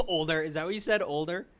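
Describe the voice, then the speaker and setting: A man's voice: on the high side, normal speed, crowd noise. A man in his twenties with a New England accent hosting a call-in livestream, rambling and swearing as he gives advice. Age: 20s. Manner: loose, swearing, rambling pep talk. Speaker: call-in show host. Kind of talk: casual livestream chat.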